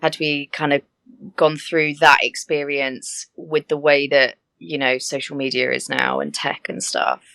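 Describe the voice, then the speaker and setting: A woman who works as an air hostess, telling stories in a chatty, animated way with laughing asides. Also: sits low, a little slow, vocal fry, dry recording. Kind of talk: casual interview chat.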